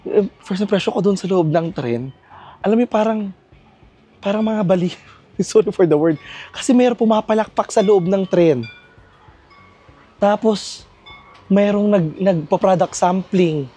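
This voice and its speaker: A young man from the Philippines vlogging casually to camera from his lodging, telling a travel story in an animated way with laughs. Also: high-pitched, husky. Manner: chatty, animated storytelling with laughs and self-mocking asides. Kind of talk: casual vlog talk to camera.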